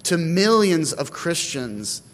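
A man, a priest, reads scripture and then preaches in a relaxed, conversational way with casual fillers, recorded in a church. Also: a little high, takes it slowly, in a large hall. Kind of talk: scripture reading and homily.

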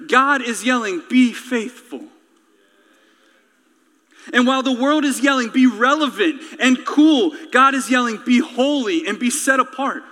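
This man's voice is very high-pitched and sharp. He preaches with fervor, leaning on emphatic rhetoric and repeated phrases before ending in prayer, and the recording carries the echo of a large hall.

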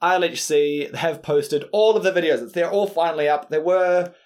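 A relaxed podcast co-host talks in a loose, rambling way, full of fillers. The voice sits at a middle pitch and stays conversational. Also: normal speed. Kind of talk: casual chat.

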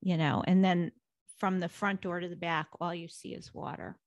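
A woman's voice: fairly low pitch, flat delivery, normal speed, dry recording. A woman guest chatting casually and telling long stories. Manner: chatty storyteller. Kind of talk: casual chat.

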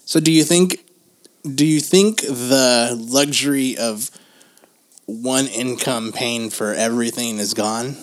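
A man's voice: mid-range voice, slow. Slangy, sweary man in casual chat. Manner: profane, slangy, opinionated, often chuckling as he talks.

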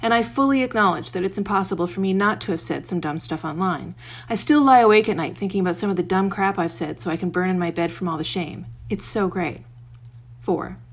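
A woman's voice: fairly low pitch, fairly quick, slightly rough. Wry woman recording under a blanket. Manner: wry, self-deprecating. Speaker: blogger recording an audio blog. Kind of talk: reading own blog post aloud, then informal remarks.

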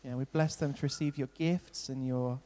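A man's voice: mid-range voice, fairly even intonation, normal speed, mellow, in a large hall. A man leading a church gathering, chatting loosely while interviewing two newcomers and then praying over them, often saying "brilliant" and "yeah". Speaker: church leader hosting an on-stage welcome. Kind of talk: casual stage interview and spoken prayer. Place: church hall with long reverb.

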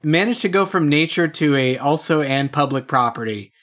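A man's voice: fairly high pitch, animated, moderate pace, a bit bright. A man co-hosting a podcast with casual, wry show commentary. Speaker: podcast co-host.

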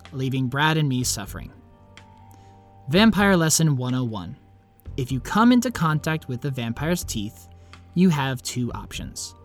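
Male actor as reluctant young vampire, medium pitch, self-deprecating, lovelorn, scripted narration, background music. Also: natural voice. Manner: self-deprecating, confiding, wry. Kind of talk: scripted first-person narration and dialogue.

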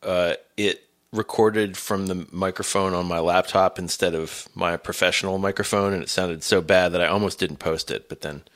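A middle-aged man with a gravelly, congested voice from a cold, chatting casually and hesitantly as a podcast host. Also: sits low, fairly even intonation, normal speed, hardly any pauses, a bit bright. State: has a cold.

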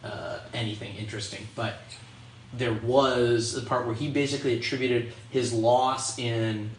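A man's voice: medium pitch, steady tone, moderate pace, a little hiss or hum. A man co-hosting a gaming podcast in casual chat, rambling and hesitant. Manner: rambling, hesitant, many fillers. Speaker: podcast co-host. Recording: roomy echo.

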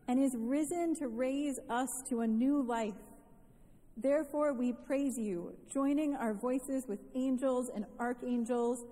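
A woman pastor reciting a eucharistic prayer, slow, solemn and deliberate, her voice ringing with a long echo through a large church. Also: sits high, mellow. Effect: long church hall echo. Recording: reverberant church sound, voice from a distance.

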